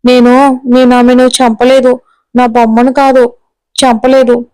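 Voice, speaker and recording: A childlike, troubled middle-aged woman, read by a woman narrator in an audio story. She speaks innocently and pleads, her voice fairly high and smooth. The pitch barely moves. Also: little pitch movement, a little slow, a little mellow, dry recording, natural voice, poor audio. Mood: tearful pleading. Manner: innocent, then pleading and tearful.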